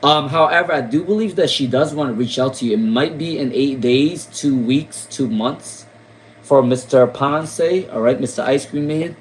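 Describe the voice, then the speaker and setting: A man's voice: medium pitch, normal speed, slight background noise, poor audio. A man from Rhode Island giving casual tarot readings on a live stream, repeating names and questions with many fillers. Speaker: tarot reader.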